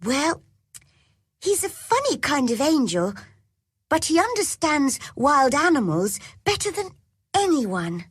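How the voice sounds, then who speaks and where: A woman's voice: sits high, very animated, slow pace, no room sound, voice pushed up, full character voice. A woman voicing a blunt, curious young girl in a storybook reading. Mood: eager.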